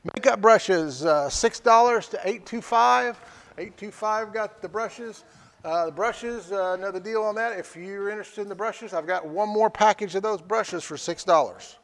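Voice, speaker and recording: A man's voice: high voice, moderate pace, a bit bright. A man calling a live-streamed auction in a casual, folksy way, repeating prices and phrases. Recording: echoey hall with long reverb.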